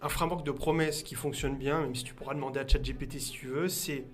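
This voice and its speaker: A man's voice: fairly even intonation, fast talker. A young man coaching freelancers straight to camera, talking casually and punchily to the viewer. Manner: casual, addresses viewer as "tu", punchy pitch-style delivery. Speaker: business coach. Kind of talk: direct-to-camera coaching video. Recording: faint music bed behind voice.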